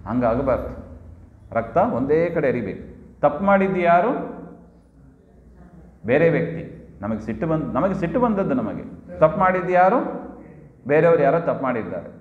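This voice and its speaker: A man's voice: a little high, very animated, moderate pace, long pauses. A man giving a devotional discourse, often asking his listeners questions and answering them himself, and now and then chanting Sanskrit verse. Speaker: religious discourse speaker. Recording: echoey hall, dull lo-fi sound.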